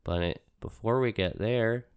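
Male podcast host, deep pitch, sick and nasally congested, frog-like croak, casual conversational delivery. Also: unhurried. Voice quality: croaky, froggy voice. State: sick with a stuffy, congested nose.

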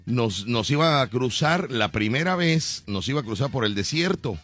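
Lively joking Mexican radio host. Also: male voice, mid-range voice, moderate pace, soft background music. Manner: joking, laughing, animated teasing. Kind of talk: comic radio banter.

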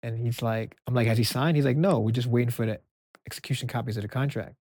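A soft-spoken man from Brooklyn, a music executive guest, telling stories in an interview and acting out the dialogue. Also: mid-range voice, fast talker, dry recording, clean studio sound. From Brooklyn, New York. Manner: animated storyteller acting out quoted dialogue. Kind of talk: storytelling interview answers.

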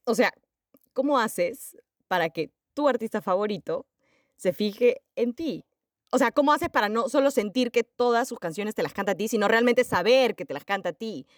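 A young woman playing an excitable fan who rambles, shrieks, swears and breaks into song in an audio story. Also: a little high, moderate pace, dry recording, clean studio sound, natural voice. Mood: giddy fan rambling.

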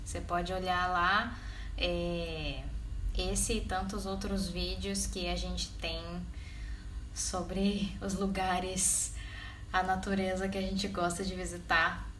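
A woman's voice: lowish voice, flat delivery, slow pace, a bit bright. A woman with a Brazilian Portuguese accent chatting casually and enthusiastically as a podcast co-host. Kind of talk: casual travel podcast chat. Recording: roomy echo, distant, clear background noise.

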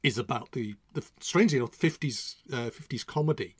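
A man's voice: medium pitch, lively intonation, brisk, breathy edge, dry recording. A man chatting casually about old television comedy, rambling and restarting his sentences. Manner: rambling, self-interrupting, chatty.

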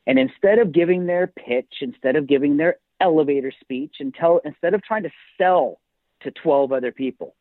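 In this podcast interview, a male guest author tells his stories in an emphatic, motivational-speaker style, coming through a tinny, phone-like line. He speaks with a fairly high pitch at a moderate pace on a dry recording.

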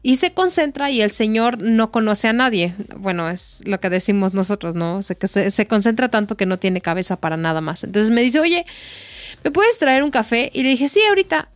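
A young woman with a Mexican accent co-hosting a casual Spanish lesson podcast, telling animated stories. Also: normal speed, dry recording. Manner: animated storytelling, acts out quotes in a high voice. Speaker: podcast co-host and Spanish tutor.

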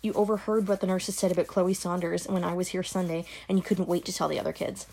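A woman voicing a cold, controlling middle-aged mother in an audiobook, her words sharp and brittle. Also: fairly low pitch, flat delivery, fast talker, gravelly. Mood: scolding. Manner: sharp, brittle, dropping to a hiss. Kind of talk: audiobook character voice.

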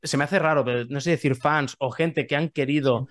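A man co-hosting a casual podcast, chatting loosely and pitching the show with self-aware humor. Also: fairly even intonation, brisk. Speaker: podcast co-host.

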